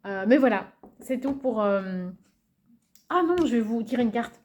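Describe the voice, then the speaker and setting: A woman presenting a card game in a casual video, cheerful and amused, pausing often with fillers and reading titles slowly. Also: fairly high pitch, lively intonation, darkish tone. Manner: hesitant, many fillers, muses aloud over names; reads English card titles slowly and carefully. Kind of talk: casual show-and-tell presentation.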